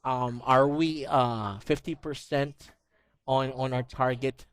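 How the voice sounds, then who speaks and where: A man's voice: mid-range voice, fairly even intonation, slow, smooth. A man teaching English one-on-one over a video call. He patiently explains new vocabulary with everyday examples and leans on "you know" as he talks. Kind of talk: online one-on-one English lesson.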